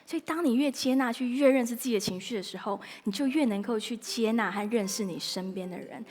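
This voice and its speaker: A woman pastor preaching a sermon in a lively, playful way, acting out little inner dialogues. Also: a little high, a little fast, in a large hall.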